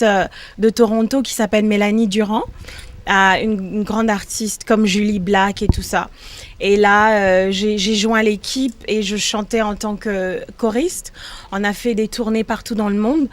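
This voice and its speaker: Hesitant young woman, a singer. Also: medium pitch. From Democratic Republic of the Congo. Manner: hesitant, many fillers and restarts. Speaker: singer, interview guest. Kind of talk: casual interview talk.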